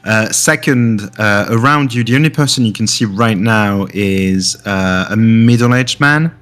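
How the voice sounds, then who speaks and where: A man's voice: on the low side, a little slow, a bit bright. A man narrating a tabletop game as game master, hesitant with many fillers.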